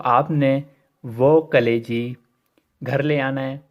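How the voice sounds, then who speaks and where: A man explaining a ritual step by step, repeating himself and addressing listeners as friends. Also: mid-range voice. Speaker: occult ritual instructor. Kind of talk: step-by-step spoken instruction. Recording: echoey, muffled lo-fi room recording.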